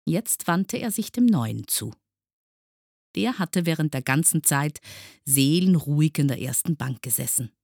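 A woman reading a children's book aloud in a calm, expressive storytelling manner. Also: low-pitched, measured pace, vocal fry, dry recording, studio quality. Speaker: reader.

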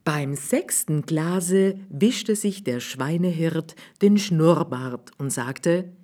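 A woman reads a children's story aloud at a slow, unhurried pace. Her low voice moves up and down expressively, and she drops into soft whispers now and then. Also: animated.

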